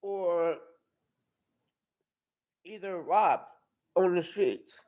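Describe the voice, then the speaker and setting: A man in his twenties giving a personal testimony, halting and often repeating and restarting his words. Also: high-pitched, a little mellow, poor audio. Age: 20s. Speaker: testimony speaker at a live-streamed outreach.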